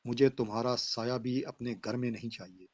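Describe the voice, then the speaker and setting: A man's voice: mid-range voice, no echo, close to an everyday voice. A man voicing a betrayed husband who speaks in stern, accusing declamation. He reads the husband in a dull, dry lo-fi recording. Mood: resolute. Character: betrayed husband, bitter and unforgiving.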